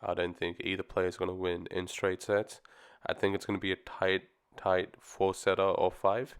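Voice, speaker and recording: This man's low voice is smooth and completely flat, moving at a moderate pace. On his own tennis channel he gives casual solo opinions, rambling easily with lots of ums, his voice a little off while he gets over the flu.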